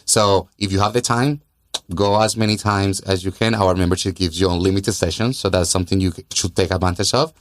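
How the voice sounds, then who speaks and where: Speaking briskly in a deep voice with fairly even intonation, a gym owner and fitness trainer from Colombia guests on a conversational podcast. His Colombian accent marks him as a native Spanish speaker from South America, and he explains earnestly, often repeating words to stress them. The recording is dry and studio quality.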